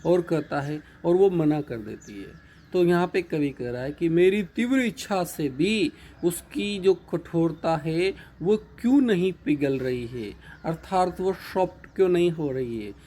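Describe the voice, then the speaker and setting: A male teacher giving a patient, repetitive lecture, reading each line of an English poem slowly and then explaining it in Hindi. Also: fairly high pitch, expressive, dark tone.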